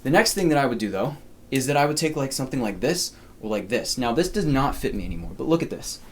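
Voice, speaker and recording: A man hosting a podcast talks through outfits in a relaxed show-and-tell way. He is chatty and upbeat, often turns to the viewer with quick questions, and laughs off his own clumsy wording. His voice sits at an everyday middle pitch. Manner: self-deprecating asides. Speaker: podcast host. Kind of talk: casual show-and-tell style advice.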